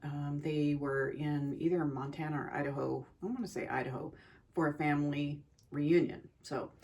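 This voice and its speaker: A woman hosting her own podcast, chatting in an unhurried way with frequent ums and pauses, recorded on a phone. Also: low-pitched, fairly even intonation, a little mellow, husky. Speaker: podcast host. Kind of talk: casual chat.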